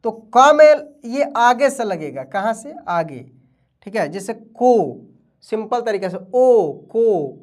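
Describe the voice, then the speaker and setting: A man teaching vowel signs, who keeps asking and answering his own questions. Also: very high-pitched. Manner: asks and answers his own questions, calls listeners "my friend". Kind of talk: explaining Hindi letters at a board.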